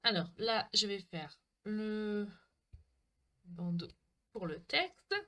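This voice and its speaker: Speaking slowly in a mid-range, somewhat bright voice, a woman runs a live crafting stream from her home. She's chatty, greets viewers by name, and pokes fun at herself whenever she fumbles, all picked up by a desk mic.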